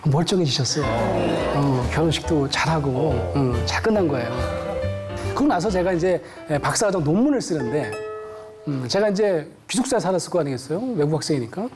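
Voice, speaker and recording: Brisk, animated woman lecturer. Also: deep voice. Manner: lively, acts out the voices of people in her stories. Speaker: lecturer and counselor. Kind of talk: storytelling lecture. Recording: background music under the voice. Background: music.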